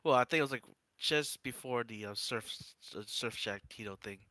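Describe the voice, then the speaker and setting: A man chatting casually in a halting way, as if thinking aloud. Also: medium pitch, bright, forceful tone, no echo. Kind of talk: casual group chat. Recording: faint noise and clicks.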